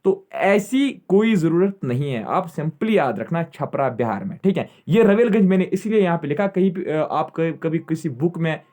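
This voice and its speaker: Young guy teaching exam prep, pretty high voice, keeps repeating stuff and asking then answering his own questions. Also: animated, normal speed, hardly any pauses, darkish tone. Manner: repetitive, checks in with "theek hai" constantly; quizzes students and answers himself.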